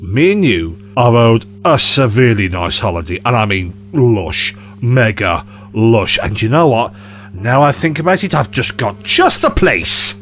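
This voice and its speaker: An actor playing a breezy, cheeky time-travelling adventurer in an audio drama, with a jaunty, theatrical, teasing manner. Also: male voice, medium pitch, animated, measured pace, fairly bright tone, faint music behind. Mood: playful, eager.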